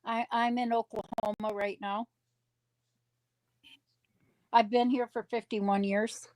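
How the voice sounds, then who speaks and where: A woman in her sixties from Wisconsin chats on a livestream while crafting, rambling and correcting herself as she goes. Her voice sits high and slightly mellow with little pitch movement, she takes her time, and the recording has no room sound.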